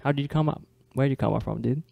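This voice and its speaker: A young man talks fast, with a gravelly, mellow voice, as host of a casual podcast. His chat is loose and friendly, full of filler words. The sound is dry and close. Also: mid-range voice, no room sound. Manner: fast, chatty, loose with many likes and dudes.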